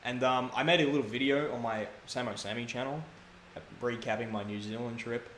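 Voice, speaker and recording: A man's voice: mid-range voice, fairly even intonation, brisk, fairly bright tone. Man, casual chat, rambling storyteller, echoey room. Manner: rambling, self-correcting storyteller. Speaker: guest speedrunner. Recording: echoey room, faint background noise.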